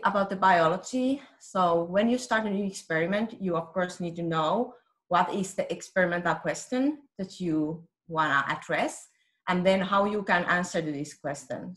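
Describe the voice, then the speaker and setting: A woman's voice: lowish voice, fairly bright tone. A woman with a Finnish accent, a technical application scientist giving a webinar presentation, explaining steadily with frequent "uh"s and small self-corrections. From Finland.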